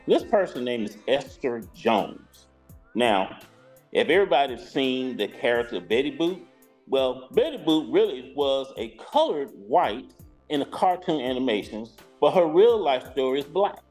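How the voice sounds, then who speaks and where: Animated man. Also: mid-range voice, unhurried, soft background music, rough recording. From Huntsville, Alabama. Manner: animated, rambling storyteller. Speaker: regular co-host. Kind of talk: casual podcast chat.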